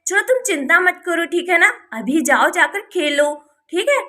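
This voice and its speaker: A woman voicing a caring village mother in a doll storybook, talking softly and reassuringly. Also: very high voice, lively intonation, moderate pace, exaggerated voice. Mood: tender. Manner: soft, reassuring, sighing.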